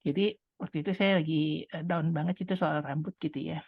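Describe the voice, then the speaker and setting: A woman's voice: deep voice, fairly even intonation, a little fast, vocal fry, slightly rough, no room sound. A middle-aged woman giving a chatty, conversational personal testimony, talking to her listeners like friends. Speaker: speaker sharing a testimony. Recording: tinny phone-like line, dry sound.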